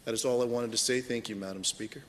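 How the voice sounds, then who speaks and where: A man, a member of the legislature, giving a halting floor speech full of restarts and fillers in the chamber. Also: medium pitch, fairly even intonation, fairly bright tone. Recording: long hall reverb with faint noise.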